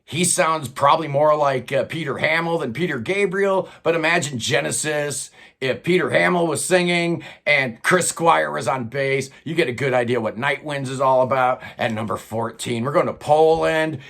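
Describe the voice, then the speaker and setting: An older man hosts a prog rock channel's countdown from his home studio crammed with records, talking loosely, enthusiastically, and casually with plenty of fillers. His gravelly voice sits on the high side with a slightly bright tone, at a normal speed.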